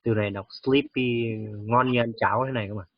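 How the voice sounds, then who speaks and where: A man teaching English to a child, patient and coaxing, slowly repeating words to model how they sound. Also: mid-range voice, fairly even intonation, no echo. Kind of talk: one-on-one English lesson for a child. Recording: dull, dry lo-fi recording.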